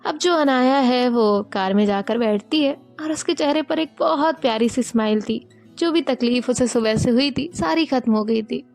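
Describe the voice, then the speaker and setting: High-voiced woman telling a story. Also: moderate pace, darkish tone, faint music behind. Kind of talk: storytelling narration.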